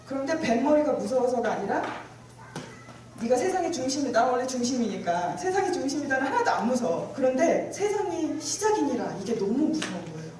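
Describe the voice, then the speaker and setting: At a church retreat, a woman gives an emotional personal testimony, acting out things she once said. Her high voice is very animated, fairly quick, and slightly mellow, and it comes from far off in a large, very echoey hall, with a little hiss or hum.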